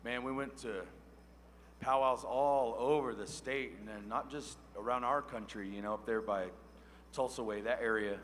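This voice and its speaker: A man's voice: mid-range voice, moderate pace, a bit bright, in a large hall, slight background noise. A man from Oklahoma, a powwow emcee chatting and announcing in an easygoing, folksy, conversational way. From Oklahoma, USA.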